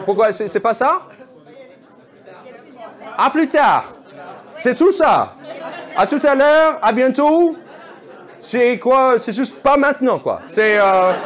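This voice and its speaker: Male stand-up comic, unhurried, teasing the crowd with puzzled questions, big audience laughter around him. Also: high voice. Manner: playful, mock-bewildered questioning of the audience. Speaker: stand-up comedian. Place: theatre stage before a live audience. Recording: loud audience laughter in a theatre.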